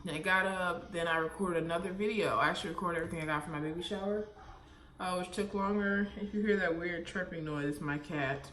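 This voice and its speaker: A woman's voice: lowish voice, fast, a bit bright, a little hiss or hum. A young woman vlogging in a casual, rambling way, out of breath and full of fillers. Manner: rambling, chatty, lots of fillers. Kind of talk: casual vlog chat. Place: parked car; home kitchen.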